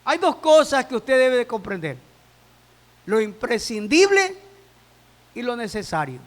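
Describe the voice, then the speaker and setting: A man's voice: extremely high pitch, fairly bright tone. A male pastor preaching a sermon to his congregation, with repetition and rhetorical questions. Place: church sanctuary. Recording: long reverb in a church hall.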